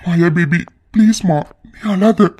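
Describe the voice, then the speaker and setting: A man's voice: sits high, slow pace, dark tone. A man voicing a doting middle-aged father in a cartoon, soothing his daughter and pressing for help. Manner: soothing, then demanding. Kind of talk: cartoon voice acting.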